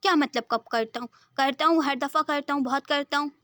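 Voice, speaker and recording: A woman's voice: sits high, brisk, sharp tone, dry recording. A woman voicing a stubborn, hot-tempered young man who talks in a sulky, petulant way, in a dry recording. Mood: pleading, stubborn.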